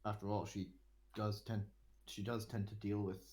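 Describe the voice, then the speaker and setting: A man's voice: on the low side, flat delivery, normal speed, darkish tone. A man running a tabletop game as game master, teasing his players between calls for dice rolls. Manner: teasing, laughing banter.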